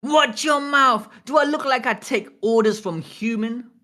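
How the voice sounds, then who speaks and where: A man reading manga aloud live, voicing a hot-tempered young male giant prince with loud, scornful outbursts. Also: sits high, animated, a little slow, exaggerated voice.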